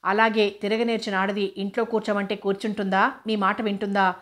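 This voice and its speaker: Smug, unruffled man taunting a rival, read by a woman narrator; even, level tone. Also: medium pitch, brisk, natural voice. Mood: mocking. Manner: calm, needling, lecturing. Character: smug, mocking adult man, cool under pressure.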